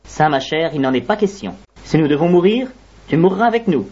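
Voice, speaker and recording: A blustering ant general barks orders in a low, husky voice, as a woman puts him on. The recording is dull and lo-fi, like an old children's audio story. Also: lively intonation, fairly quick, mellow. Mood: bossy. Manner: commanding, blustering.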